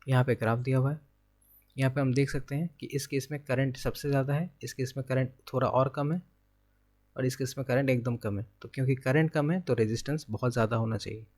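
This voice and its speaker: A young man with an Indian accent teaches an exam-prep physics lesson at a mid-range pitch. He works through each formula step by step, asks himself questions and answers them right away. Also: fairly even intonation, brisk, a little mellow. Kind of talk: exam-prep lecture, working problems aloud.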